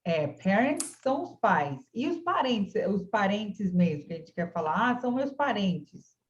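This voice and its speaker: Patient woman teacher on an online class, speaks slowly, muffled call sound. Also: medium pitch, big pitch swings. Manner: patient, models English phrases slowly for students. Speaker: English teacher.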